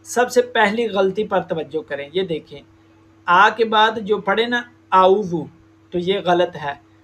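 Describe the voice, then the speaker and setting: A man teaching Quran recitation, explaining slowly and stretching out demonstrated sounds. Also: high voice, a bit bright. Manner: slow, deliberate explanation with drawn-out demonstrated sounds. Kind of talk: tajweed lesson.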